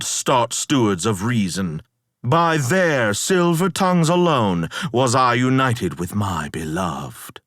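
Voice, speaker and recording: A man performing a dramatic poetic monologue as the proud, bitter ghost of Odysseus, measured, theatrical and sardonic in archaic phrasing. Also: mid-range voice, a bit bright, no echo, studio quality. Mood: bitter sarcasm. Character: weary, proud, bitter Odysseus's ghost recounting his voyage.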